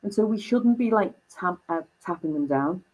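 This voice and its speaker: A woman from the United Kingdom, a company founder, telling stories as an interview guest with lively jumps in pitch. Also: normal speed, rough recording. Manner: animated storyteller, pitch jumps when excited. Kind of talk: interview conversation.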